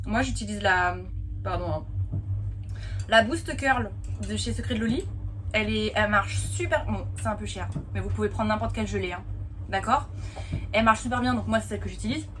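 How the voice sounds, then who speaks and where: A woman's voice: medium pitch, a little fast, pauses often, fairly bright tone, slight background noise. A young woman vlogging casually to her phone camera, chatty and playful, with frequent fillers and laughs. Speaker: dance vlogger. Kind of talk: casual vlog chat to camera. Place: at home, then cycling outdoors and at a café.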